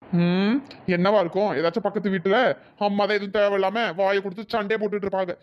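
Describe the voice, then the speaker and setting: A man's voice: high voice, little pitch movement, fast, close to an everyday voice. A man voicing an irritated young husband in a cartoon, grumbling and snapping. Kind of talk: cartoon voice acting. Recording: dull lo-fi sound.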